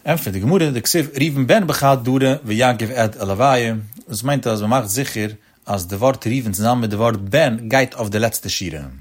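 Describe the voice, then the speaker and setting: A man teaching a religious-law lesson in a mid-pitched voice. His delivery lilts and sings, jumping up suddenly before settling back down. He talks straight to his listeners, calling them friends as he explains. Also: moderate pace. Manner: addresses listeners directly as friends.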